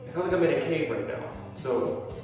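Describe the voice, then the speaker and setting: A man's voice: on the high side, brisk, a little mellow, faint music behind. A man narrating his home renovation casually, his voice echoing like in a cave off a bare room with no carpet. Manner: chatty and self-deprecating. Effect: cave-like echo in a bare, uncarpeted room. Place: empty room with bare floor, indoors.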